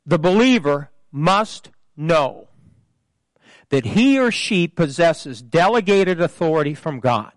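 A man pastor preaching a sermon with call-and-response, emphatic, swelling louder and higher on key phrases. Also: expressive, takes it slowly, no echo.

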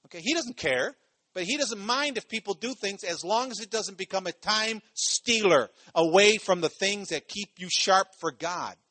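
A man's voice: sits high, animated, normal speed, sharp tone, dry recording. A man from Ohio preaching a sermon in a loose, conversational way, full of "you know" asides and phrases repeated for emphasis. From Ohio, USA.

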